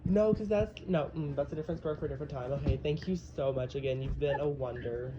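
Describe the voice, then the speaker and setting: A man's voice: fairly high pitch, fast, highs cut off, background noise. A man hosting a podcast in casual chat, snarky and teasing toward his guest. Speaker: podcast host.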